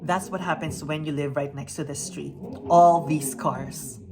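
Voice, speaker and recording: A bubbly, upbeat woman in her forties hosts a beauty unboxing vlog from her home near a busy street, reading product labels aloud. Her voice is low-pitched, steady and unhurried, with crowd noise in the background.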